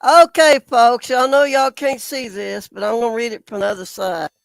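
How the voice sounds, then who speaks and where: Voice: medium pitch, fairly even intonation, moderate pace, vocal fry, dry recording. Indignant YouTube commentator, dry close sound. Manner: indignant, exasperated, repeatedly addresses viewers as folks. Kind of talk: casual talk reading comments aloud.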